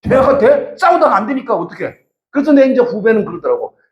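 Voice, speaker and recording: A man's voice: very high voice, big pitch swings, fast talker, highs cut off. A man from the region, giving a lecture and telling stories while he questions the audience directly. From Gyeongsang region, South Korea. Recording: echoey lecture room.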